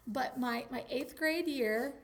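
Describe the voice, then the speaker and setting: A woman's voice: high voice, slow pace, a loud crowd. Chatty, bubbly woman telling stories. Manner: chatty and animated, many "like"s and "um"s. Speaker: interviewee, teacher. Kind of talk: casual interview storytelling.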